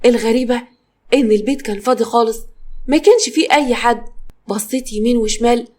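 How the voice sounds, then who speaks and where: A woman with an Egyptian accent narrating a dramatic story in a brisk, expressive way. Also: on the high side. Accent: Egyptian Arabic.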